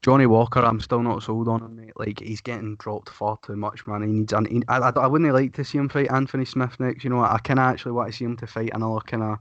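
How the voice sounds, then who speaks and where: A man talks fights in a blunt, sweary way and cuts over the other person. His voice sits at a middle pitch. The recording is dull and lo-fi with no room sound. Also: fairly even intonation, quick pace, hardly any pauses, no echo. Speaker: podcast co-host. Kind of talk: casual sports chat.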